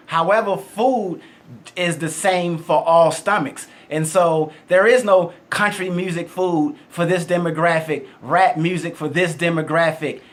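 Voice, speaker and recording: A man's voice: high-pitched, a bit bright. A man with a heavy Baltimore accent, joking and boasting with frequent laughs in a casual casting interview. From Baltimore, Maryland, USA. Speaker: game show contestant hopeful. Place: casting room in Las Vegas.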